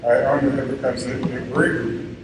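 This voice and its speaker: A man in his nineties giving an informal commemorative speech as an army veteran, plainspoken and halting, in short phrases. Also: mid-range voice, level tone. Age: 90s. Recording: echoey, distant, noisy event PA recording.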